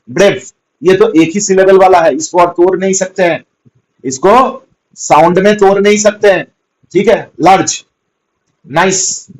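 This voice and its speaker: Male tutor, fairly high-pitched, steady classroom explaining, checks understanding often. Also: low-quality recording. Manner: patient, repetitive, spells out words letter by letter. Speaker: teacher. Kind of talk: grammar lesson.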